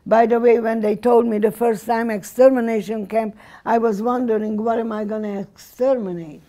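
A woman in her nineties gives a personal testimony as a survivor and lecturer, speaking haltingly with pauses and restarts. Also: fairly high pitch, steady tone, warm tone. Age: 90s.

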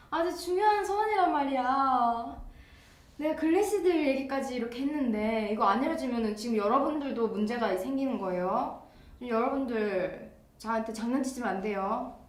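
A young adult woman chats casually with fans on a live birthday stream, bubbly and talkative, acting out voices when she quotes people. Her voice is a little high at a moderate pace, and the recording has a roomy echo.

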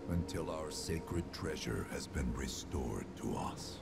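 An actor playing an ancient, grieving male spirit who speaks slowly and formally, with a deep gravelly voice. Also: animated, over loud music, exaggerated voice. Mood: solemn. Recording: game audio over loud score.

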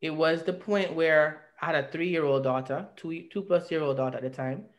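Joining a video call from home through his webcam, this Jamaican-accented interview guest recounts his story in depth. His voice sits a little high with fairly even intonation and a moderate pace, and his earnest, reflective telling grows more emphatic as he goes.

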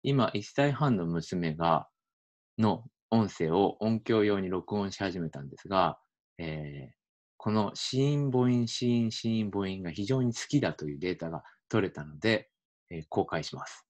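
A male linguistics researcher giving a relaxed explanatory lecture for a video and thinking aloud with plenty of fillers. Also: low voice, a little slow.

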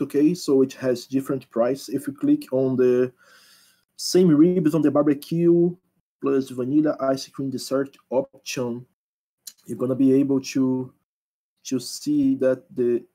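A man in his thirties presenting a technical demo over a video call, talking haltingly and asking others to switch slides and screens. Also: medium pitch, warm tone, husky, rough recording. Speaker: presenter at an online developer meetup. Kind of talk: live technical demo talk.

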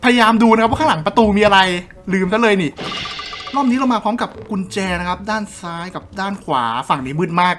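A man's voice: sits high, lively intonation, fast, fairly bright tone, a little hiss or hum. A young adult man hosting a horror game playthrough, chatting and reacting with jokes. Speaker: gaming channel host.

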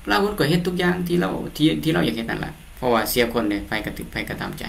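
A man's voice: medium pitch, very animated, gravelly. A man with a Lao accent teaching a class, translating an English storybook line by line with patient explanations. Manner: explains slowly, reads English lines aloud and repeats words.

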